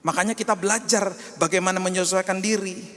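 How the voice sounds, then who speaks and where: A male pastor preaching a sermon in an animated way, shifting between soft and loud delivery and mixing in English phrases. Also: high-pitched, brisk, big-room sound. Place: church hall.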